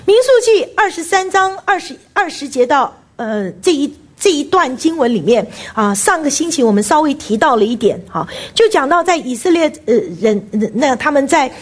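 A high-pitched woman preaching a sermon to her congregation. She talks in an animated way, with many small fillers, and at times swells into loud, fervent exclamations. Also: normal speed, few pauses. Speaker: pastor's wife preaching.

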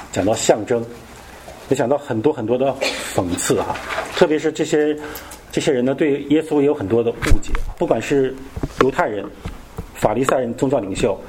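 Guy teaching a bible class, talks fast and casual, keeps checking if you follow. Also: medium pitch, warm tone, a little hiss or hum. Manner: conversational, keeps asking listeners questions.

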